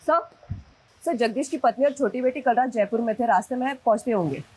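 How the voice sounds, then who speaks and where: A brisk policewoman. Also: on the high side, dark tone, slightly rough, low-quality recording. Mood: questioning. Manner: brisk, questioning. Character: businesslike female police officer. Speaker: police officer. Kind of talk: TV crime drama acting.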